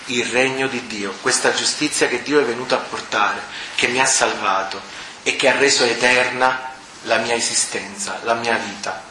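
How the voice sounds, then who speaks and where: A man from Sicily, preaching a fervent sermon to a prayer group and swelling to near-shouting on key words. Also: medium pitch, fairly even intonation, normal speed, slight background noise. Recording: echoey hall with faint ambience.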